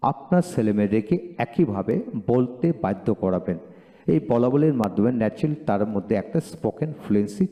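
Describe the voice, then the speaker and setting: Man teaching pronunciation in echoing hall. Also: mid-range voice. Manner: repeats each word twice, loud and slow. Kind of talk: classroom-style pronunciation lesson.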